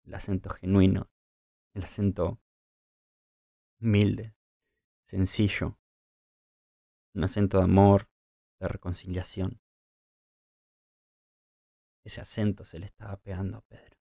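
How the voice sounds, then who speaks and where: A podcast co-host tells Bible stories in a reflective, religious vein, his low, mellow voice flat and unhurried with vocal fry and frequent pauses. His storytelling is thoughtful, broken by the occasional chuckle. The studio-quality recording has no echo.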